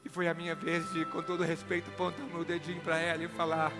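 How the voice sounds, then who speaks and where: A man, giving an emotional storytelling speech as a motivational speaker. He shifts from hushed to loud and fervent. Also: a little high, completely flat delivery, fast talker. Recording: music playing behind the voice.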